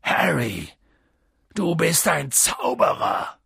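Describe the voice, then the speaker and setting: A narrator voicing a hot-tempered giant male groundskeeper in an audiobook, gruff and booming in his outbursts. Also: very animated, takes it slowly, fairly bright tone, no echo, clean studio sound, full character voice. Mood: gentle. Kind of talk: audiobook reading.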